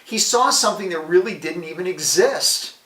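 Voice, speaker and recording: Bright-voiced male devotional podcast host. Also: high voice, moderate pace, distant mic. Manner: energetic, conversational preaching. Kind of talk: casual devotional talk. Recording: roomy, away from the mic.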